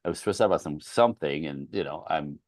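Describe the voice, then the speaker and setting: Low-voiced man in candid talk. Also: fast talker, no room sound. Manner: candid, storytelling, self-deprecating. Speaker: relationship coach and co-host. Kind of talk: casual podcast conversation.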